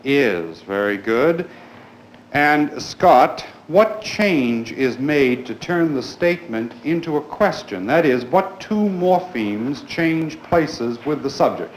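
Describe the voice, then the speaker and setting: Directing questions and instructions to his pupils, a man teaches a school grammar class in a polite, deliberate manner with lively intonation and a mid-pitched voice. Echo fills the room and noticeable noise runs through the recording.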